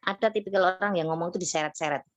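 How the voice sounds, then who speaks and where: A woman teaching sales communication in an online workshop, lively and acting out sales pitches. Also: dry recording. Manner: lively, acts out customers and salespeople in quick voices.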